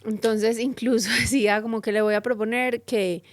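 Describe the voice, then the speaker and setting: A woman's voice: fairly high pitch, fairly even intonation, normal speed, no room sound, clean studio sound. A woman hosting a podcast, chatting casually and relating her own examples. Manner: conversational, relates personal examples. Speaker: podcast host. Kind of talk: casual chat.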